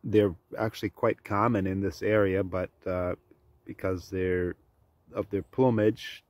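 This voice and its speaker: A man's voice: low voice, a little mellow, no room sound. A man vlogging from his farm, talking casually and rambling with many ums and uhs. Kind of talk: casual chat to camera.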